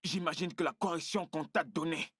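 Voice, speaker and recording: Here is a stern brother who scolds a sibling for gossiping. His voice is high, sharp and a little husky. Faint film music plays underneath. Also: fairly quick, no room sound, clean studio sound. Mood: reproachful. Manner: reproachful. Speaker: dubbed film actor.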